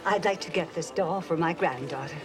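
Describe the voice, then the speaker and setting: A woman's voice: lowish voice, fairly quick, natural voice. An actress playing a sweet, timid older grandmother in a screen drama, hesitant and apologetic in her delivery. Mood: fond. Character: sweet, timid, doting grandmother shopping for a doll.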